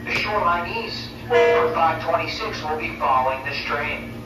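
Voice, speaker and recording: A woman's announcement booms through a station public-address loudspeaker, heard from far down an outdoor platform. It comes with heavy echo, and loud train and station noise surrounds it. She speaks in a measured way and repeats the details. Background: trains and station ambience.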